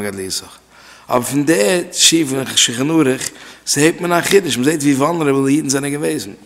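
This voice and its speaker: Gravelly-voiced man teaching religious law. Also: mid-range voice, fairly bright tone. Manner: repeats key phrases and asks questions aloud. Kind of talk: Talmudic law class. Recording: long reverb from a hall.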